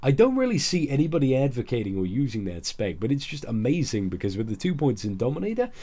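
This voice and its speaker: A man with a dark, mellow voice at a middling pitch talks through a video game in an informal, explanatory way. He sounds under the weather and slightly groggy as he gives his casual commentary. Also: big pitch swings, quick pace, husky. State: ill, groggy. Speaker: gaming video creator.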